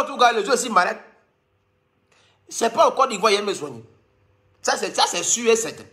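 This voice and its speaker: Animated, mocking Cameroonian man. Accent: Cameroonian French. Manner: animated, mocking, scolding, with sudden squeaky jumps. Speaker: online commentator. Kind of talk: comedic rant to camera.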